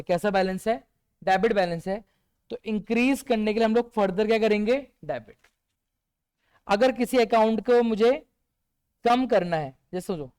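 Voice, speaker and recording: In this revision lecture, the man at the front keeps posing rhetorical questions and answering many himself with hushed one-word responses. His voice sits high and sounds clean.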